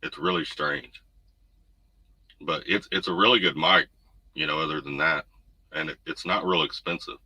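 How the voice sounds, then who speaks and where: Speaking at normal speed with frequent pauses, the deep-voiced trucker host has a pushed, bright tone with a breathy edge. He streams casually from a home room, rambling easily through viewer comments, his desk USB condenser mic catching background noise.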